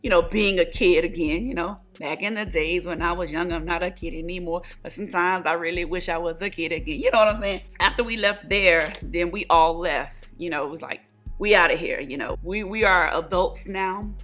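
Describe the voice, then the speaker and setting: A woman, telling a story to her viewers while doing her makeup, chatty and animated, calling them y'all and honey. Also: lowish voice, moderate pace, soft background music. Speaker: beauty vlogger.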